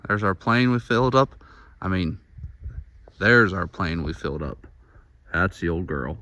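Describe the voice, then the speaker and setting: A man's voice: low voice, animated, a little slow, bright, forceful tone. A man filming a trip as a travel companion, giving short on-the-spot commentary in clipped phrases. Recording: clear engine and vehicle noise. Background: vehicle and engine noise.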